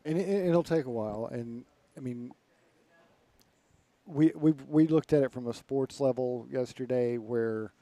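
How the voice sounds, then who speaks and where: A man's voice: medium pitch, measured pace, warm tone, no echo. A man hosting a sports radio show, asking friendly, conversational questions. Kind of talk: radio interview.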